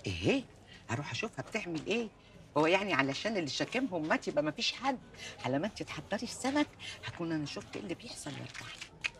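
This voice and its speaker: An actress with an Egyptian Arabic accent playing a dramatic, sharp-tongued older aunt who scolds her nieces. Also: lowish voice, sing-song, racing, a little hiss or hum. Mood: scheming.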